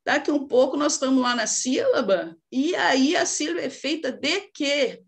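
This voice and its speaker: Brazilian woman lecturing, fairly high voice. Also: animated, moderate pace, creaky. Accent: Brazilian Portuguese. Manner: conversational, many fillers and rhetorical questions. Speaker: lecturer on literacy and child development. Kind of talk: informal lecture presentation.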